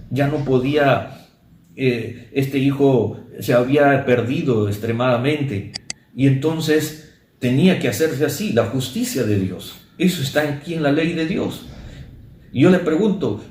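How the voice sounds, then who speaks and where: A man's voice: mid-range voice, a little mellow, reverberant, slight background noise. A male pastor preaching an earnest sermon, often calling his listeners brother.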